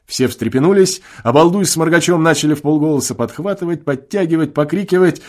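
A man narrates classic prose as an audiobook, with a theatrical, expressive delivery. His voice sits on the higher side for a man. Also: fairly quick.

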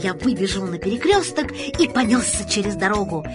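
A woman narrating a story in an expressive reading voice. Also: mid-range voice, brisk, over music. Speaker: audiobook reader.

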